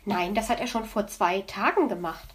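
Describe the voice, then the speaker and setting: A woman's voice: medium pitch, moderate pace, fairly bright tone, close to an everyday voice. A woman doing a chatty mother hedgehog. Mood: motherly. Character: warm, busy mother hedgehog, fond of her child.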